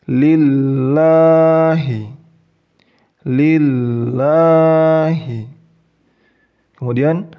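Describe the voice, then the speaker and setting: A man teaching Quran reading step by step, with an Indonesian accent, who speaks patiently, repeats each example and chants the key words drawn out and louder. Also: medium pitch, lo-fi sound. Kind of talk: slow step-by-step tutorial.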